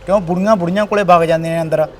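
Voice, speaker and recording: Bossy village son, played by a man, high voice, rapid talk. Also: fairly even intonation, a little hiss or hum, lightly acted. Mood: persuading. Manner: scolding, bossy. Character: grown village son organizing flood relief. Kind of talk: village short film acting.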